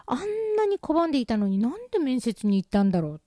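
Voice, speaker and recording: Woman, chatty storyteller, self-mocking, mellow voice, dry close sound. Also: a little high, big pitch swings, fast talker, no room sound. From Japan. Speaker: vlogger. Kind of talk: casual storytelling.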